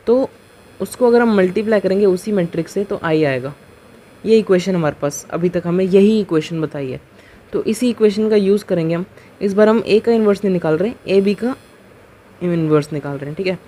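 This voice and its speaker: A man with a high, mellow voice lectures at the board on a maths proof. He moves patiently step by step, slowing for key terms, and keeps throwing out rhetorical questions and checking that students are following.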